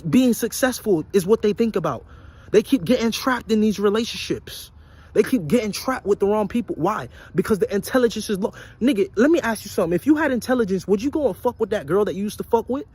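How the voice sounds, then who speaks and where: A young man with a high, husky voice delivers a casual motivational rant straight to his viewers. He talks bluntly and profanely, hammering the same points over and over like a street preacher. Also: a little mellow. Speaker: vlogger.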